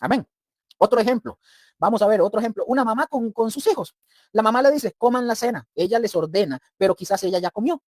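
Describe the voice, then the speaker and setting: A man's voice: high-pitched, animated, fast talker, a little mellow, dry recording. A male preacher teaching scripture in an emphatic, explaining way. He keeps turning to his listeners as brothers and acts out little scenes to make the point. The sound is dry and close, with no room around it. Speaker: preacher teaching a Bible study. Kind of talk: sermon-style Bible teaching.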